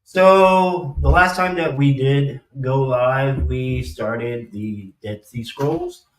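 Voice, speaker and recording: A man speaks as a casual show host, his words muffled and a little slurred as though his mouth were packed with cotton. He goes haltingly, repeating words. The sound is echoey and somewhat far from the microphone. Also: mid-range voice. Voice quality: muffled, slightly slurred speech, like cotton in the mouth after dental work. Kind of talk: casual livestream talk. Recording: roomy echo, distant from the mic.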